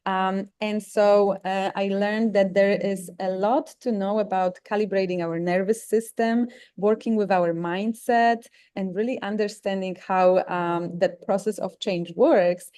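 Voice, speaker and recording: Appearing as a guest author in an interview, a woman from Poland shares her story earnestly in English, her second language, with a Polish accent. She speaks at a measured pace with few pauses, her mid-range voice steady, clean and darkish in tone.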